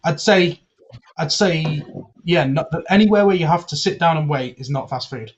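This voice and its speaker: A man's voice: on the high side, moderate pace. Blunt young man, lo-fi sound. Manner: opinionated, blunt. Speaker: podcast co-host. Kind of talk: casual banter among friends. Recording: dull lo-fi sound with faint noise.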